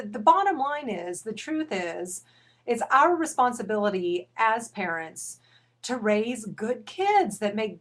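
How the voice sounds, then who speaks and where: A middle-aged woman parent coach giving an impassioned, emphatic video rant, a bit out of breath, with some restarts. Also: a little high.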